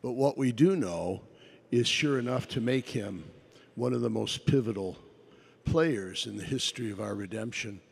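A man gives a homily in an explanatory, conversational style. His voice is gravelly and rough-edged at a middle pitch, and he punctuates points with rhetorical questions. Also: normal speed. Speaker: preacher giving a homily. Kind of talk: conversational sermon.

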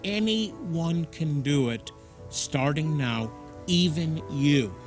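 A man's voice: a little high, animated, slow pace, faint music behind. A man hosting a religious TV talk show, summarizing his guest's points and speaking to the viewers. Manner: summarizing and addressing the audience.

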